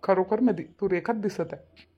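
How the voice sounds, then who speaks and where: A woman voicing a teasing, always-hungry elderly village father-in-law in a cartoon, with a low husky voice. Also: muffled recording. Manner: teasing, chuckling. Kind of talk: cartoon voice acting.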